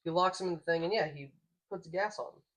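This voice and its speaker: A man's voice: a little high, a bit bright. A man co-hosting a podcast, rambling through a comic book plot and stumbling over words as he reads aloud. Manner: rambling, halting, stumbles when reading aloud. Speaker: podcast co-host. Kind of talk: casual comic book review chat.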